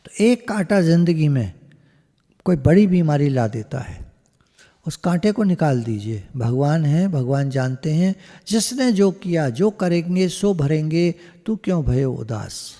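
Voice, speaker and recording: Mellow-voiced man giving a spiritual talk. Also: a little high, lively intonation, big-room sound. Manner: mixes in English phrases, slow and emphatic. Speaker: satsang speaker. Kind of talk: spiritual discourse. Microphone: video call.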